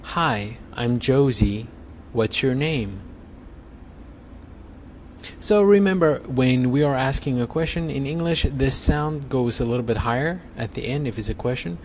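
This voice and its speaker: A man teaching an English lesson, talking slowly and patiently through repeat-after-me drills with fillers. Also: mid-range voice, darkish tone, slight background noise. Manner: slow, patient, repetitive coaching with fillers. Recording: slightly dull recording with faint ambience.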